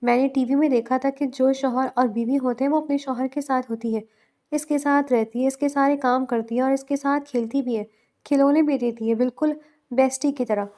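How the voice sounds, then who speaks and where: A woman reading the lines of a grown man with a childlike, innocent mind, softly and stubbornly. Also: sits high, fairly even intonation, close to an everyday voice.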